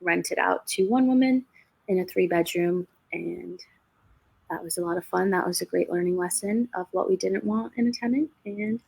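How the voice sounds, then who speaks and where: Guesting on a relaxed livestream interview, a real estate investor in her twenties chats through her stories and laughs between them. Her lowish voice is creaky, a little mellow and slightly rough, moving at a moderate pace.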